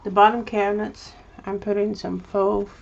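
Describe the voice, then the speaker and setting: A woman's voice: mid-range voice, little pitch movement, moderate pace, gravelly, dull audio. A woman showing her craft project in a casual, rambling vlog, often restarting her sentences. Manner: rambling, hesitant, chatty with many restarts. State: mouth full of candy. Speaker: crafting vlogger. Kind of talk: casual show-and-tell craft video.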